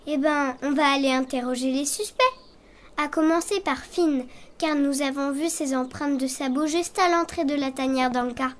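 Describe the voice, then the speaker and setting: A woman playing a bright young girl sleuth. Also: high voice, fairly even intonation, normal speed, natural voice. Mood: earnest. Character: young girl, curious forest investigator. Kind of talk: children's audio story acting.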